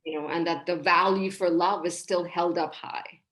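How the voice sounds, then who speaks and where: On poor audio, a woman in her thirties from Hong Kong, a relationship coach, speaks as a podcast guest over a video call from a small room. Her voice is on the low side at a moderate pace, and she is warm, casual and heartfelt, gesturing expressively as she explains her ideas.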